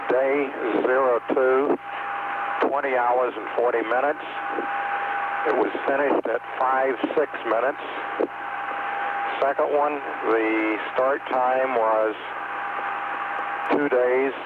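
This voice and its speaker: Crackly walkie-talkie man giving a slow report. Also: medium pitch, fairly even intonation. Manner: halting, measured, matter-of-fact. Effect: crackly walkie-talkie style radio transmission. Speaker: astronaut, mission specialist and doctor. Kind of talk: technical status report over radio. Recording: very noisy, crackly phone-like space radio link.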